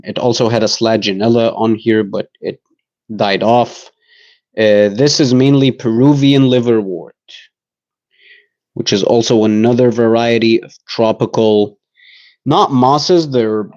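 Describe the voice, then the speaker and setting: A man's voice: mid-range voice, a little mellow, lo-fi sound. A young man giving a casual, joking live tour, talking in an easygoing, rambling way.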